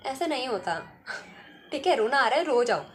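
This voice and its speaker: A woman's voice: high-pitched, very animated, moderate pace, slight background noise. A woman giving casual spiritual self-help advice, chatty and often checking in with "ठीक है?". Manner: chatty, keeps adding "ठीक है?". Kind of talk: casual advice talk to camera.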